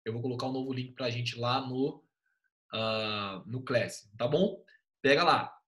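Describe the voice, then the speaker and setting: A man's voice: mid-range voice, a little slow, pushed and bright. A young male teacher giving an online class over a computer mic, explaining step by step in a patient, casual way with easygoing slang.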